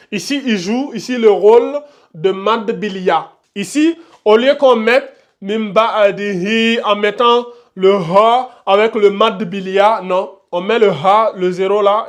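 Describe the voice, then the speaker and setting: A man gives a tajwid lesson in a live online class. He talks in quick bursts and keeps pointing things out over and over. Then he slows right down to chant each example. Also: high voice. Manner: repeats words often, points at symbols on the board. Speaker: tajwid teacher.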